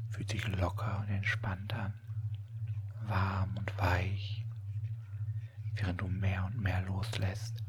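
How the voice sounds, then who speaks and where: Sleep hypnosis narrator, sex unclear. Whispered role-play, breathy and soothing, very unhurried and even, over audible noise. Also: deep voice. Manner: soothing, repetitive, counting down in short pauses. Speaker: hypnotist guiding a relaxation.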